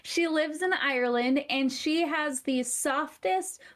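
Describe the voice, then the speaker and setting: A woman's voice: high voice, slow pace, fairly bright tone. A woman guest on a podcast telling a story in laid-back casual chat.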